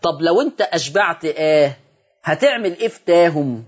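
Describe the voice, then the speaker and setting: A man with an Egyptian accent teaching Quran recitation on a televised lesson, explaining quickly and then reciting example words slowly. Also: on the high side, animated, dull audio.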